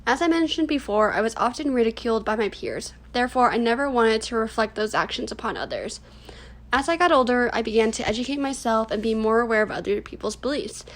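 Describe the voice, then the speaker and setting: A slightly high, animated, brisk voice belongs to a woman in her early twenties who grew up in the United States with Cantonese as her native language. For a class project interview, she reads prepared answers in an earnest, reflective, scripted way.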